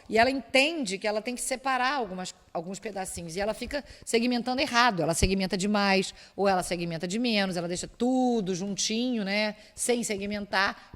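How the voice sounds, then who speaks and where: A woman with a Brazilian Portuguese accent giving an academic lecture, explaining step by step and asking rhetorical questions. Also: medium pitch. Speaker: university lecturer. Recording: long reverb of a lecture hall.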